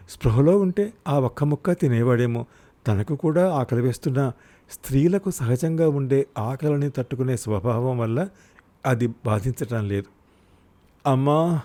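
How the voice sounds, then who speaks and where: Guy reading a story out loud, mellow warm tone, pretty expressive. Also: medium pitch. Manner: expressive reading that lifts the voice for quoted cries. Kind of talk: scripted story narration.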